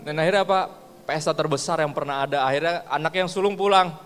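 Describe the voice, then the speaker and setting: A man's voice: on the high side, quick pace, fairly bright tone. A male pastor with an Ambonese accent, preaching casually in slang and acting out conversations. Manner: casual slang-filled preaching, acts out dialogue. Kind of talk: sermon. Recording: long hall reverb with faint music.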